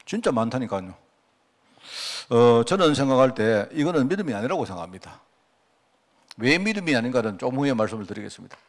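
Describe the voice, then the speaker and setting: A man preaching with a voice of ordinary pitch, talking to his congregation as if in conversation. He keeps turning to them with rhetorical questions and slips into acted-out prayers to make his point. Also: very animated, brisk, pauses often. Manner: acts out quoted prayers and remarks. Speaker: pastor. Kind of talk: sermon.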